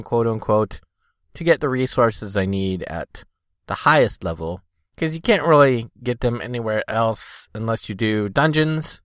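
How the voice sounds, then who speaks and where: A male podcast host with a mid-range, fairly bright, smooth voice, captured dry with clean studio sound. Hosting a casual solo show, he rambles informally with loose hedging, sounding congested from a cold and a little thick-tongued from a swollen tongue.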